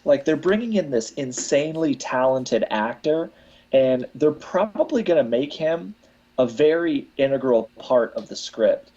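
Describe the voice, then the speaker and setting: A man's voice: medium pitch, lively intonation, unhurried, mellow, dull audio. A man hosting a casual live podcast, rambling with many restarts. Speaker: podcast host.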